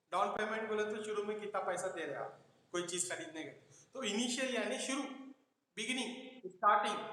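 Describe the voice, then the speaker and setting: A man's voice: sits high, sharp tone. A man teaching an online class, going over each point again and again, mixing English with Hindi. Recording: echoey, roomy with long reverb.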